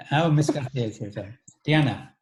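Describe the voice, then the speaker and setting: A man's voice: a little high, darkish tone, a little hiss or hum. A man hosting an alumni talk over a video call, casually inviting each former student to introduce themselves.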